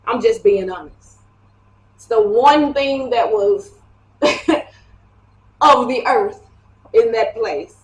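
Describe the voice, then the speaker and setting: A woman reads tarot cards in a casual, chatty way and laughs often as she goes. Her voice sits a touch high. The room around her is echoey. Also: drawn-out words, long pauses. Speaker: tarot reader. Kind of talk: casual tarot reading to camera.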